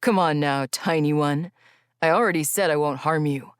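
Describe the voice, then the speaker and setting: Huge easygoing male Fae, read by a woman; low, relaxed, steady, dry close sound. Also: normal speed, smooth, no echo, close to an everyday voice. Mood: reassuring.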